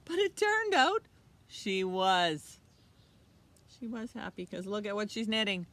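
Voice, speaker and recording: Speaking slowly at a medium pitch, a middle-aged storytime host reads a picture book and leads a children's lesson outside near a leafy hedge. Her child-directed speech is simple and expressive, dotted with questions. Faint noise is audible in this outdoor recording.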